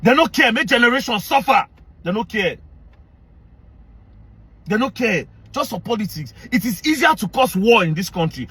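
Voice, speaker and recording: A Nigerian man with a high, husky voice rants straight into the camera. He is angry and confrontational, circling back on the same lines and slipping into Pidgin. His delivery is hard, direct and relentless. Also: lively intonation, moderate pace, pauses often, fairly bright tone, no room sound. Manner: angry, confrontational, repetitive, mixing Pidgin into English. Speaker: online commentator. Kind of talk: heated rant to camera.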